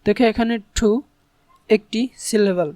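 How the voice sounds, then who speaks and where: A man's voice: sits high, fairly even intonation, unhurried, warm tone, dry recording. A man teaching English in an online tutorial. He explains patiently and spells words out letter by letter.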